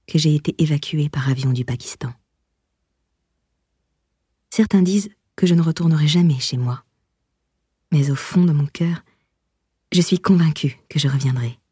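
A female audiobook narrator reads a memoir in a low, very breathy, husky voice with a dark, soft-edged tone. Her measured, expressive delivery is recorded close and dry, with no room sound.

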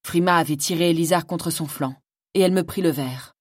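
A woman reads a fantasy audiobook in the first person, with a measured, dramatic delivery. Her voice sits fairly low, and the recording is dry and close with no room sound. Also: no room sound. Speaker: audiobook narrator.

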